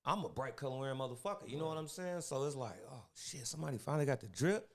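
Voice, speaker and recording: A man's voice: mid-range voice, animated, quick pace. A man hosting a casual podcast, hyped and slangy with lots of profanity. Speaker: podcast host.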